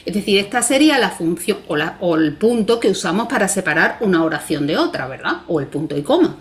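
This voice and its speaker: A woman's voice: fairly low pitch, sing-song, brisk. A woman guest explaining punctuation in a conversation, patient and methodical, often checking in with tag questions. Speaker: Spanish language expert guest.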